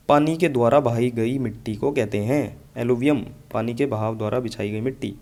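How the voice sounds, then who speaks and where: A man's voice: mid-range voice, a little mellow. Man teaching vocabulary patiently. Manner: explains patiently, repeats mnemonics, says "ठीक है" often. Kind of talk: exam-prep lesson with mnemonics.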